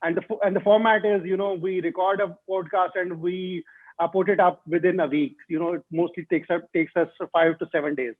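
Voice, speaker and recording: A man's voice: sits high, steady tone, a little fast. A man hosting a podcast interview, speaking hesitantly with many fillers and restarts. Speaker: podcast host. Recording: tinny phone-like line.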